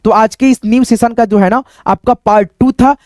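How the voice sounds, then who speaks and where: A man's voice: high-pitched, fairly even intonation, normal speed, a little mellow, no echo, studio quality. A male teacher giving an online phonics lesson, spelling words letter by letter, asking questions and repeating the answers, often turning to viewers with tag questions. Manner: keeps addressing viewers as friends with tag questions. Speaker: English teacher.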